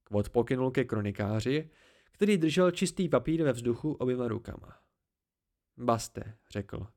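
A man's voice: medium pitch, lively intonation, darkish tone. Man reading an audiobook. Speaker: audiobook reader. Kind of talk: amateur audiobook narration.

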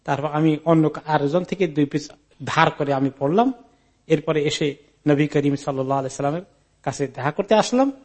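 Speaking fairly quickly in a high voice with a darkish tone, a man lectures on Quran commentary. He recites the Arabic narration, breaks down each portion, and narrates the story as "I," slipping English words in as he goes.

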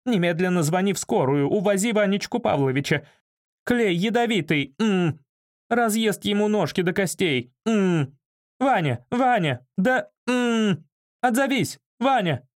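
A man reading an audiobook, voicing a frantic, shrill woman who shrieks and scolds. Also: expressive, normal speed. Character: shrill frantic woman, fashion designer's assistant.

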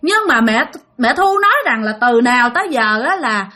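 High-voiced woman telling a ghost story. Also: very animated, moderate pace, sharp tone. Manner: chatty, addresses listeners directly.

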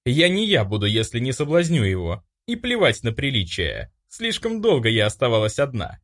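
Man reading as a bold empress, haughty, scheming, animated. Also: mid-range voice, moderate pace, heavily acted. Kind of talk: audiobook inner monologue.

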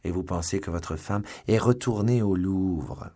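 A man's voice: sits low, unhurried, dark tone. A man voicing a guarded, probing secret agent in an audiobook. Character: cold secretive male agent in a cloak. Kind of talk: audiobook reading.

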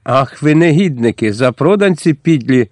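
A man's voice: mid-range voice, expressive, moderate pace, darkish tone, no room sound, natural voice. A man voicing a Cossack otaman who speaks firmly and with command. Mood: angry. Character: stern Cossack otaman, young male leader.

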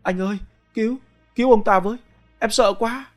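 A man's voice: high-pitched, brisk, faint music behind, voice pushed up, close to an everyday voice. A man voicing a panicked, stammering young woman. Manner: stammering, pleading. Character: frightened young woman, mistress, pleading.

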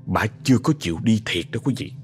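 A man's voice: lowish voice, lively intonation, fast, soft background music. A man with a Southern Vietnamese accent narrating a ghost story in a chatty, dramatic way, often speaking straight to his listeners.

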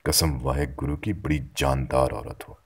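Haunted burly man, lifeless and evasive, very deep and hushed; narrator doing him. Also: fairly even intonation, gravelly, breathy edge, exaggerated voice. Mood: hollow. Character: haunted, weary, burly man hiding something.

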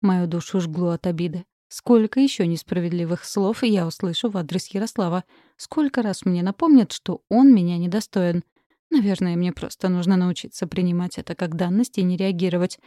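A woman's voice: on the low side, brisk, dark tone, no echo, clean studio sound. A woman narrating a first-person audiobook with heated, emotional reading.

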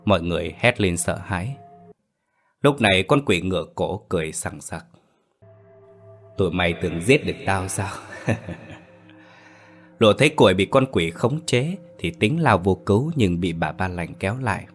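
A man narrating a horror story in a steady, dramatic way. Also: low voice, normal speed, soft background music.

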